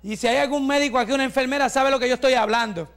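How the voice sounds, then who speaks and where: A man in his forties, a pastor giving a fervent testimony sermon that rises to shouts, with joking asides. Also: very high-pitched, steady tone, racing. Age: 40s.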